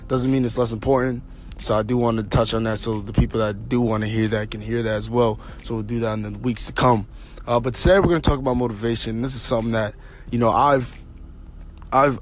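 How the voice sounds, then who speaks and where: A podcast host with a slightly hoarse, medium-pitched voice delivers a casual, unscripted motivational monologue. He speaks off the cuff, halting and rambling as he thinks aloud, informally addressing his listeners directly.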